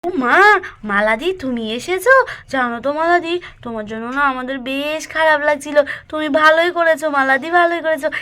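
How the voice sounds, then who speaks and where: An eager young daughter-in-law, played by a woman in a doll story. She chatters quickly and fusses, in a high, lively voice. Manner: excited, quick and fussing.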